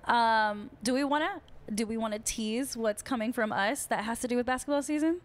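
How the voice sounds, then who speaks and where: A woman's voice: on the high side, moderate pace. A woman co-hosting a casual sports podcast, chatty and upbeat, laughing easily. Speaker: podcast co-host.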